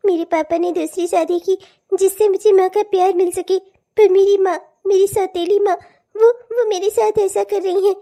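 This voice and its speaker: A woman voicing a meek, mistreated young stepdaughter who pleads softly and sounds tearful. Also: extremely high pitch, steady tone, a little slow. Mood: sad. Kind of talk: cartoon voice acting.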